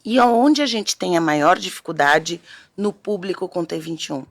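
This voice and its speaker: Lower-pitched woman explaining patiently. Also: lively intonation, normal speed. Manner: didactic, explains step by step with frequent "né?". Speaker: speech therapist guest. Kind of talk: explanatory interview talk.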